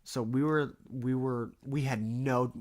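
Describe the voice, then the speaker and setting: Man, podcast co-host, casual animated storyteller, curses often. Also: mid-range voice, slow. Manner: animated, swears freely, acts out quotes.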